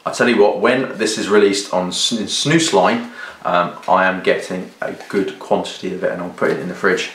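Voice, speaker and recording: This British reviewer's voice sits low with a steady tone, a touch of brightness and normal speed, accompanied by a little hiss or hum. He rambles casually through a product review to camera in an echoey room, hesitating and rephrasing as he goes.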